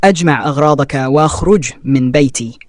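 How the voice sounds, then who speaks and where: A man's voice: fairly high pitch, fairly quick, no echo, studio quality, lightly acted. A man reading the lines of a betrayed young adult sister who speaks sharply and firmly to her brother in a spoken story. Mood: indignant. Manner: sharp, firm.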